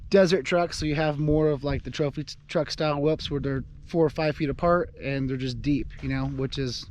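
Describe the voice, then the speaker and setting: A man's voice: a little high, fairly even intonation, a little fast, darkish tone, slight background noise. A young man chatting casually outdoors beside his off-road vehicle, rambling with many fillers and restarts. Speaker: off-road vlogger. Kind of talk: casual chat on camera.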